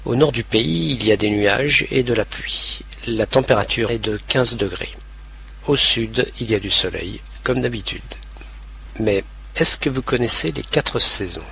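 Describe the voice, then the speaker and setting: A man reading scripted narration for language learners, slow and clearly enunciated. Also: mid-range voice, sharp tone, slight background noise.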